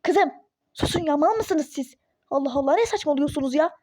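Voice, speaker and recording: A woman's voice: sits high, lively intonation, a little fast, mellow. A woman voicing an irritable, skeptical young pregnant mother in a phone-game role-play story, snappish and sarcastic. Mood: exasperated.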